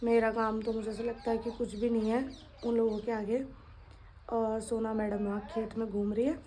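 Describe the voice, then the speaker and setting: A young woman talks casually to her vlog viewers from her home kitchen, keeping her voice soft and slow to rest a strained throat. Her voice sits fairly high, with faint noise in the background. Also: little pitch movement. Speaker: vlogger.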